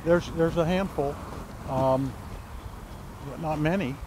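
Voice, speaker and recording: A lively storyteller in his sixties from Hawaii shares family stories slowly, his pitch fairly high, while gesturing through a conversational interview. It takes place outdoors on palm-lined grounds next to a church, with background noise.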